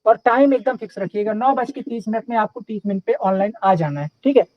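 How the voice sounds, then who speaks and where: A man's voice: high-pitched, expressive, fast talker, no room sound, lo-fi sound. A young man teaching a live online class in a casual, chatty way, often checking in with his students.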